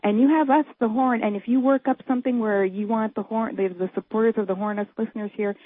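A woman's voice: fairly high pitch, fairly even intonation, no echo. Radio call-in caller, woman, heard over a tinny dry phone line, earnest and pushing, casual with restarts. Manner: earnest and urging, with quick restarts. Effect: heard over a phone line on a radio show.

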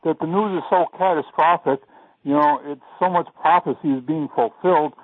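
A male radio caller speaking over a tinny tin-can phone line, quoting scripture and pausing often with "you know". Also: on the high side, no echo. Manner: halting, many "you know" fillers. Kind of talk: casual call-in talk, quoting scripture.

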